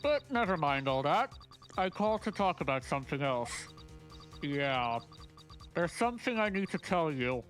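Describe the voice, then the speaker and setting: A man voicing a teasing mystery caller whose voice is disguised with a deep, pitch-shifted voice changer. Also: big pitch swings, moderate pace, a bit bright, faint music behind. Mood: smug. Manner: smug, teasing. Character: mocking mystery caller hiding behind a voice changer. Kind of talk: voicing a game character.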